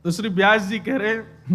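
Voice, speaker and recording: Young male preacher, high bright voice, animated storyteller. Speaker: kathavachak preacher. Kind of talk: devotional scripture sermon with storytelling.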